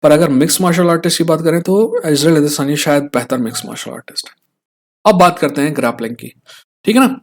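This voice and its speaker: A man's voice: on the high side, fast. A young Indian man giving a casual fight breakdown, checking in with viewers through frequent tag questions as he talks. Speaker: fight analyst host. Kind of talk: casual explainer talk.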